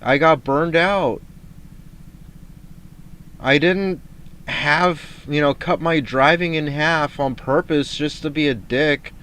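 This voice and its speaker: A man's voice: fairly high pitch, takes it slowly, pauses often, fairly bright tone, slight background noise. A man venting in a rambling vlog monologue, frustrated, swearing and restarting his sentences. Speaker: vlogger.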